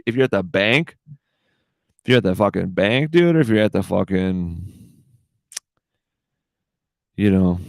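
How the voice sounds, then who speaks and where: A man in his thirties hosts his own casual podcast, rambling from one thought to the next, swearing freely and tossing in "dude" constantly. His voice sits a little low with a gravelly fry. The recording is dry. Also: dry recording. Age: 30s. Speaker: podcast host.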